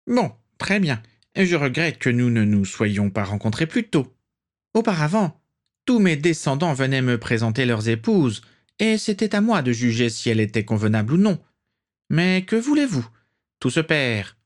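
A man puts on an old aristocratic witch who speaks from well above his own voice, imperious and condescending. Her lines swoop and rise with lively disdain in this audiobook reading. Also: mid-range voice, normal speed, pitched above the performer's own voice, close to an everyday voice. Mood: haughty.

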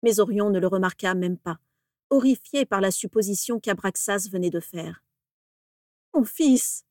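A woman's voice: mid-range voice, normal speed, a little mellow, dry recording. Woman reading a story, dry sound. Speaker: narrator. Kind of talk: audiobook reading.

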